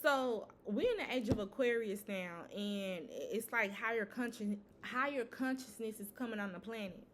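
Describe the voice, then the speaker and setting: Female tarot reader, slightly high voice, loose chatty delivery with frequent swearing. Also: moderate pace, few pauses, fairly bright tone, slight background noise. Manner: loose, repetitive, sprinkled with "you know" and swearing. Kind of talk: casual tarot reading.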